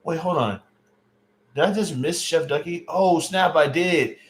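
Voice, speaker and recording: Speaking unhurriedly in a slightly high voice, a late-thirties man hosts a casual livestream, chatting loosely and joking about what viewers say, with many fillers. The home stream mic has a roomy echo plus a little hiss or hum.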